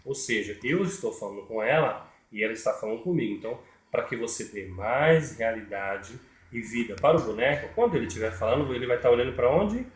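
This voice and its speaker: A man's voice: mid-range voice, expressive, quick pace, few pauses. A man, teaching puppetry step by step and repeating his points. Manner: repetitive, explains step by step. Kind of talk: tutorial explanation. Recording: echoey room.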